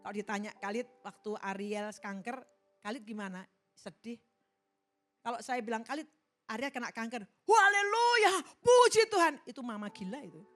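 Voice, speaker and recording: A middle-aged woman pastor preaching a sermon, emphatic, swinging from loud exhortation to soft asides. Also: mid-range voice, fairly even intonation, brisk, soft background music. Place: large church hall.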